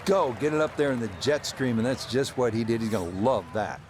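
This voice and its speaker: A man's voice: medium pitch, expressive, fairly quick, background noise, close to an everyday voice. A man giving play-by-play as a golf commentator, with a polished broadcast delivery. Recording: music and crowd behind the voice. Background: music, crowd.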